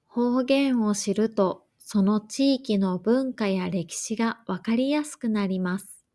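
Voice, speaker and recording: A woman reading a scripted lesson for learners in a slow, careful, even way. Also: medium pitch. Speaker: language teacher.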